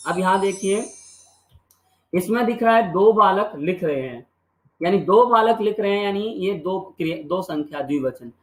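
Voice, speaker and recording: In a classroom-style video lesson, a man teaches Sanskrit grammar, posing questions and answering them himself and drilling the endings through repetition. His voice is high and animated, at a moderate pace. The recording is low quality and reverberant.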